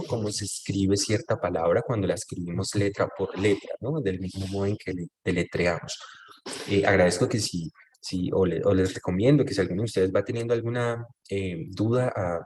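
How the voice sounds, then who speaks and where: He has a deep voice with a darkish tone and a breathy edge. Over a video call, he teaches an online French class, weaving French phrases into his Spanish explanations and patiently checking comprehension with tag questions.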